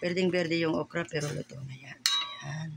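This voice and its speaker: A woman hosting a casual home cooking vlog, talking in a slow, chatty and thankful way, her voice muffled by a face mask. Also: low voice, steady tone, gravelly, heavy background noise. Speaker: home cook vlogger.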